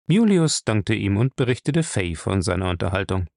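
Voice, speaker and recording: A man reading a novel aloud chapter by chapter in a steady storytelling manner. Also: lowish voice, normal speed, gravelly, dry recording, studio quality. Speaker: audiobook reader.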